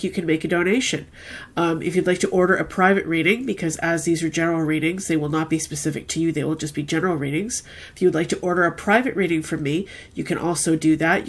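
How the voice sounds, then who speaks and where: Stuffed up from a head cold, a woman with a low, nasal voice chats casually through her weekly tarot reading. She keeps checking in with her listeners by asking "okay?"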